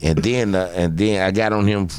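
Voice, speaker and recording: A man from Arkansas, a guest comedian telling a story on a podcast, animated and quick to laugh. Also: low voice, smooth.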